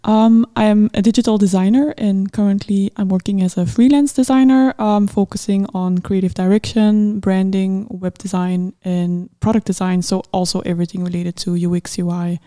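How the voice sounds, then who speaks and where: A woman from Belgium, a freelance digital designer, speaking relaxed on a podcast panel. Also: medium pitch, normal speed, few pauses, dry recording, clean studio sound. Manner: relaxed, laughs easily. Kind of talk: conversational podcast answer.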